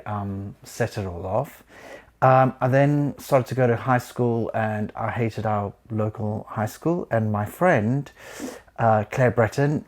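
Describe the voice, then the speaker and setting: Choreographer in his forties from South Africa; lowish voice, thoughtful and halting as he tells his story. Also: darkish tone. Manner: reflective, halting with frequent ums and restarts. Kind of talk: recounting his life story.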